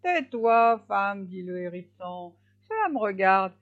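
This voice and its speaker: A woman voicing a boastful, bossy male hedgehog in a storybook tale, talking in a brisk, commanding way. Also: a little high, sing-song. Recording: slightly dull lo-fi recording.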